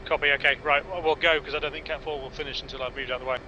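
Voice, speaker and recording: A man's voice: a little high, steady tone, racing. A man giving clipped radio calls to fellow players during a flight sim session, heard over a voice radio channel. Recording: muffled radio with loud engine noise.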